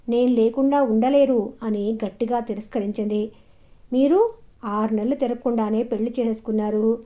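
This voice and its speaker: A woman's voice: a little high, lightly acted. A woman storyteller voicing a grieving elderly grandmother who speaks reproachfully and tenderly in a dull, lo-fi recording. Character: grieving elderly grandmother, gentle but firm.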